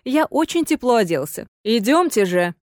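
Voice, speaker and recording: A woman voicing a calm, mocking young male heir in an audiobook, cool and unhurried. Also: on the high side, no room sound, studio quality. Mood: polite.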